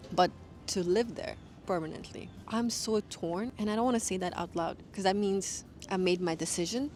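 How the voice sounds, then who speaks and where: Woman, 30s, mid-pitched, candid rambling vlogger talk, light ambient noise. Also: a little mellow. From Nepal. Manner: rambling, candid, thinking aloud. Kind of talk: reflective personal vlog chat. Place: city park, outdoors, walking.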